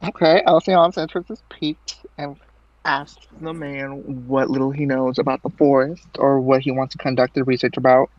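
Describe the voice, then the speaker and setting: A man's voice: medium pitch, flat delivery, moderate pace, dry recording. Man player, casual third-person narration, muffled lo-fi sound. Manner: casual, describes his character in third person. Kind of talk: tabletop role-play.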